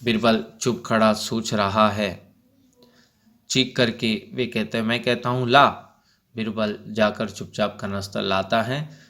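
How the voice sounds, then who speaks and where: A man's voice: fairly low pitch, level tone, slow, a bit bright. A male teacher reading a play aloud for an online class and explaining its stage directions.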